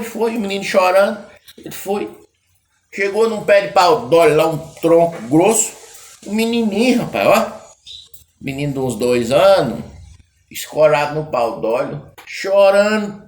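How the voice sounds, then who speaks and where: Male caipira storyteller, casual and rambling, colloquial folk-tale telling. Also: a little high. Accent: Brazilian caipira.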